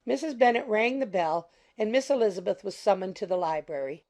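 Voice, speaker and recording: A woman's voice: medium pitch, lively intonation, a little fast, darkish tone. A woman reading scripted literary narration as an audiobook narrator.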